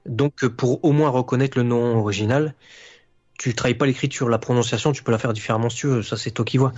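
This anime-analysis YouTuber appears as a podcast guest, holding forth casually and at length with frequent fillers and restarts. His voice is medium in pitch, steady and quick, with a darkish tone, captured in a dull lo-fi recording.

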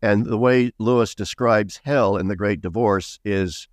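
A middle-aged man appears as a guest author in an interview, speaking earnestly and emphatically, with occasional bursts of raised emphasis. His voice is fairly low and unhurried, recorded with studio quality and no room sound.

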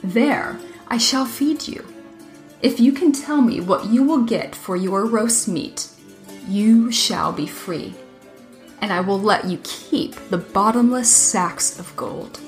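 A woman voicing a proud, sly male dragon in a storybook reading, speaking in a smooth, boastful way. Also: medium pitch, slow, soft background music, natural voice. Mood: smug.

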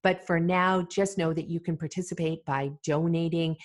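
Woman from malawi doing a solo podcast, pretty low voice, earnest, takes her time with ums and repeats. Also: fairly even intonation. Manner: earnest and deliberate, with fillers and repeated phrases. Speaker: podcast host.

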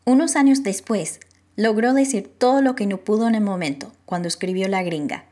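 A woman reporter reading the scripted narration of a radio feature in a measured, even way. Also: mid-range voice.

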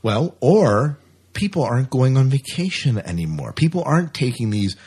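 A podcast co-host talks through entertainment news in a casual, talkative way, repeating phrases for emphasis. His medium-pitched voice is husky and darkish, very animated, at a normal speed.

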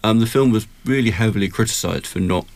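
Low-voiced man reviewing films. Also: quick pace, a little mellow. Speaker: film critic. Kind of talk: conversational film review.

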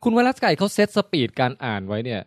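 Fast talking guy on a podcast, pitch jumps all over, dry close mic. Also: no echo. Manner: animated storyteller, acts out quotes. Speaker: podcast co-host. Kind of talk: casual chat.

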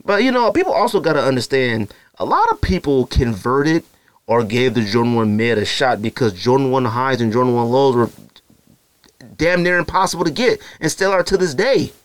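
Very animated at a normal pace, a married man hosting his own podcast speaks in a mid-range voice captured in a dry recording. He rambles conversationally with many "you know" fillers, and his voice jumps up whenever he makes a point.

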